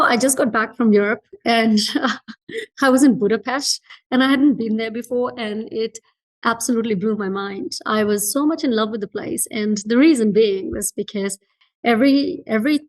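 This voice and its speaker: In poor audio, a Fijian entrepreneur speaks as an interview guest with a fairly high voice at a moderate pace. Her conversational reflections are earnest and emphatic, marked by repeated phrases for emphasis.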